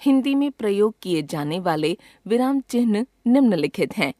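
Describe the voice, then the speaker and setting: A woman reading a grammar textbook lesson aloud in a measured, even way, pausing clearly after each item. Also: mid-range voice, dry recording, studio quality. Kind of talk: scripted lesson narration.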